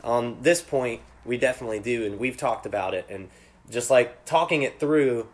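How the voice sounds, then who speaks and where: Halting casual man in a cold room. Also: mid-range voice. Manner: halting, restarts words, long pauses. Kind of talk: casual political chat. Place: cold unheated jam room.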